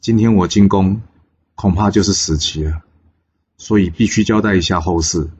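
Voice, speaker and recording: A man voicing a loyal old royal uncle, solemn, low and heavy. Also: moderate pace, a little mellow, slightly rough, muffled recording. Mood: grave.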